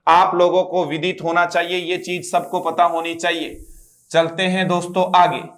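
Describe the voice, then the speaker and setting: A man with a Rajasthani Hindi accent teaching English grammar, reading example sentences slowly and drilling his students with frequent check-ins. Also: high voice, level tone, a bit bright. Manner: drills students, repeats "ठीक है" and "मित्रों". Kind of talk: classroom lesson.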